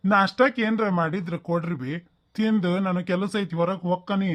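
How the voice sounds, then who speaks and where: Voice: mid-range voice, steady tone, moderate pace, lightly acted. Someone doing a grumbling old village father-in-law. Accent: North Karnataka Kannada. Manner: grumbling, complaining. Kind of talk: cartoon comedy voice acting.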